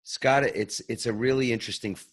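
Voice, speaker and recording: A man's voice: medium pitch, fairly even intonation, a little fast, husky. A man hosting an interview podcast, speaking reflectively and thinking aloud, often restarting his sentences as he searches for words. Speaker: podcast host. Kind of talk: conversational interview.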